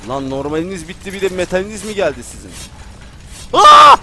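A man commenting on his gameplay in a casual, excitable way, often yelling and joking. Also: sits high, racing, background noise. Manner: excitable, yells and jokes while playing.

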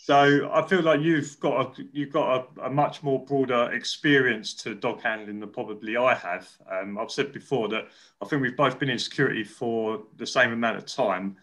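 A young man hosts an interview over a video call from his living room, using a webcam. He talks in a chatty, rambling way with frequent restarts. His voice is medium in pitch, moderately paced, and a bit bright.

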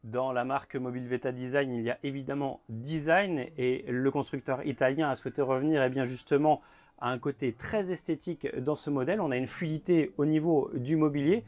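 A man in his thirties gives a guided tour inside a motorhome at a trade fair, talking in a measured way with frequent filler words. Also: mid-range voice, a little mellow. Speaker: motorhome show presenter. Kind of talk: guided vehicle walkthrough.

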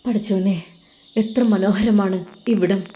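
Woman voicing a gentle male religious teacher. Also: mid-range voice, steady tone, a little slow, natural voice.

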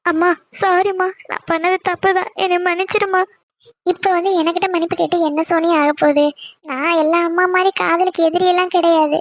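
A woman's voice: very high voice, level tone, fairly quick, no echo. A woman voicing a worried middle-aged village mother who is afraid of her husband and speaks in a pleading, apologetic way in a cartoon. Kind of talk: Tamil cartoon voice acting.

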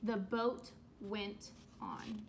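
This young adult elementary school teacher speaks at a medium pitch with fairly even intonation, a creaky quality, and drawn-out words. Indoors in a small room at home, she reads aloud to young children and asks them questions, stressing and stretching key words.

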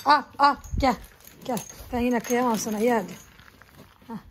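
High-pitched village woman fussing at her cows, chatty vlog, bit of faint outdoor noise. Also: normal speed. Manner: coaxing and scolding farm animals, then quietly asides to viewers. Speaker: village vlogger. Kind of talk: casual vlog talk to animals and viewers. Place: village garden and barn, outdoors. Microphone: phone camera.

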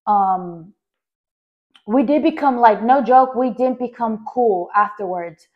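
A young adult woman hosting a podcast, telling a personal story in a rambling, animated way with lots of fillers and direct asides to her listeners. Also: a little high, slow pace, lo-fi sound. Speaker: podcast host.

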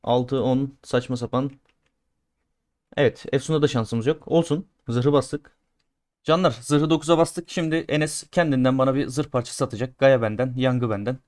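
A man giving casual commentary on his own gameplay, chatting to his viewers and swinging between grumbling and loud cheering. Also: medium pitch, fairly even intonation, normal speed. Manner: chatty, talks to viewers as he plays. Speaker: gaming streamer.

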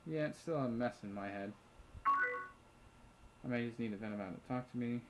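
Moderately paced and mid-range, a man's voice carries this let's play as he casually commentates a chat game, reading messages aloud, muttering under his breath, and swearing freely. The recording is very noisy, with loud keyboard typing and clicking behind him.

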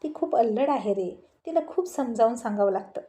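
Impatient young husband read by a woman, coaxing and scolding, little change from a storyteller's voice, mellow tone. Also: a little high, lively intonation, brisk, natural voice.

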